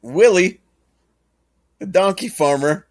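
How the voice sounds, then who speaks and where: A podcast host rambles through a casual monologue in a high voice with lively intonation. He chuckles along and draws things out slowly.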